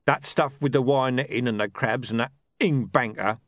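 A man voicing a loud, coarse, swearing male thug, blunt and forceful, in an audiobook. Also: medium pitch, normal speed, no room sound, studio quality, voice pushed up, close to an everyday voice. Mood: gruff.

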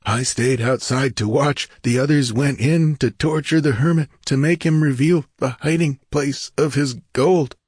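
A man's voice: mid-range voice, unhurried, hardly any pauses, darkish tone, husky, no room sound, studio quality, pitched above the performer's own voice. A man voicing a fearful, superstitious bandit who speaks gloomily in an audiobook reading. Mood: gasping. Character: frightened, superstitious male bandit.

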